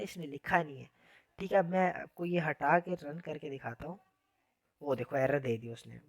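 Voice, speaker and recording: A man's voice: sits high, dry recording. A man giving a casual, chatty programming lesson in an informal, friendly way. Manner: chatty, informal, says "yaar" often. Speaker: programming teacher. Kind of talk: casual classroom lecture.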